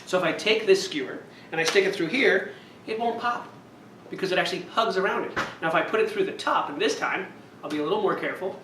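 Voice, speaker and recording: A man's voice: high-pitched, pushed and bright, distant mic, slight background noise. A man leading a hands-on science demonstration as a camp instructor, explaining step by step. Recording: echoey room, voice off-mic.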